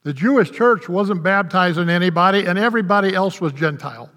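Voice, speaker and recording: An older man preaching a sermon as a pastor, folksy and conversational, with quick asides to the congregation. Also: high voice, a bit bright. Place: church sanctuary. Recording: long reverb of a church hall.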